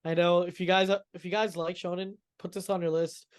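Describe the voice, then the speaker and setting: A man's voice: sits high, flat delivery, a little fast, smooth. A man co-hosting a podcast, feeling sick, talking about anime in hyped, slangy casual chat with many repeats. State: sick, coughing. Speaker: podcast co-host.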